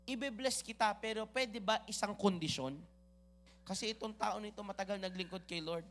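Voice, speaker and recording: A preacher acting out a gentle, patient pastor counselling a member in a calm, conciliatory way. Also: medium pitch, normal speed, faint music behind, natural voice.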